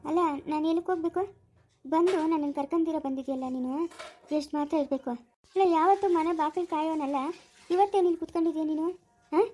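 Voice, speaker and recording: High quick woman playing a pleading mother-in-law, family drama, faint background noise. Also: dark tone, close to an everyday voice. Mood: puzzled. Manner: pleading, apologetic.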